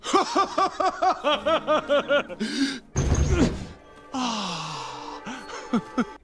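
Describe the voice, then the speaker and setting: Cackly old miser in a film, super high squeaky swoopy voice, music behind. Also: male voice, sing-song, drawn-out words, heavily acted. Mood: giddy. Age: older. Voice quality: cackling, breathless giggles. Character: old male miser Scrooge, giddy and reformed. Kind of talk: film acting. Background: film score.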